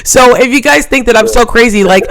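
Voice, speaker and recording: A woman's voice: fairly high pitch, a little fast, creaky, fairly bright tone. A woman hosting a live call-in talk show, ranting in an emphatic, rambling way and often asking if listeners understand. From Hawaii. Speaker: show host.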